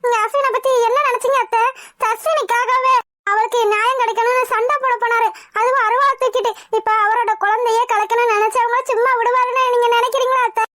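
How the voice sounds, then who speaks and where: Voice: very high-pitched, level tone, quick pace, sharp tone. A voice actor playing a worried young pregnant wife in a cartoon, pleading and anxious. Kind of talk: cartoon voice acting.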